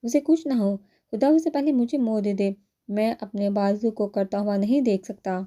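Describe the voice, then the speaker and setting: A woman's voice: mid-range voice, warm tone, close to an everyday voice. A woman voicing a shaken older father who consoles others with a trembling voice. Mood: grieving.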